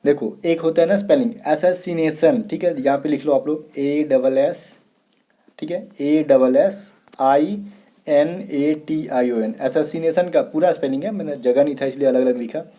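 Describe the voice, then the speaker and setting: A man from India with a slightly high, mellow voice teaches an exam prep lesson. He spells words out slowly letter by letter, checks in often with his students, and keeps saying "theek hai."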